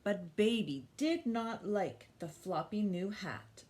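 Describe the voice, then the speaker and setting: Speaking slowly and animatedly at medium pitch, this woman has a darkish tone. She hosts storytime for young children, asking simple questions, keeping her phrases short, and giving an expressive picture-book read-aloud.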